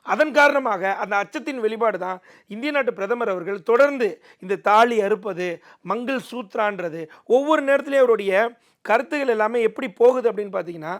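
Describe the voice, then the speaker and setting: A man with a gravelly voice making an emphatic, oratorical political argument as an interview guest, repeating phrases for effect. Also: high voice, a little fast. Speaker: political commentator, debate guest.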